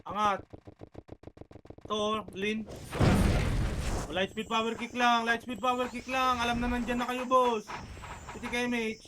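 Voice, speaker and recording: A man with a notably high voice calls out rapid countdowns and orders to his gaming team. He barks each call and curses in between, and a constant hum of noise runs under his voice. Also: little pitch movement. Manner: rapid barked countdowns and commands, cursing. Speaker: gamer leading a team. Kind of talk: live team callouts while gaming.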